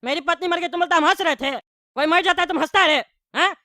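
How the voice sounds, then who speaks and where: A woman's voice: very high-pitched, fast talker, bright, forceful tone, no echo, clean studio sound. Woman voicing a rude bald cartoon politician. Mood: angry. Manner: insulting, threatening rants. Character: bald widowed politician man, rude and hot-headed. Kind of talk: cartoon voice acting.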